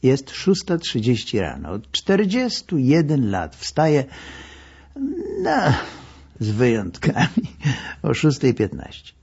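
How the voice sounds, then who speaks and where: An older man reading his memoir aloud, wry and unhurried in his storytelling. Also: mid-range voice, sing-song, a little mellow. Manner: wry, slow, gravelly storytelling. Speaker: memoir narrator. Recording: dull lo-fi recording.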